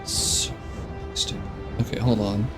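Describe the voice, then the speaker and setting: A man chatting casually as a VTuber while he plays a game on a live stream, talking to his viewers. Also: slow pace. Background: game music.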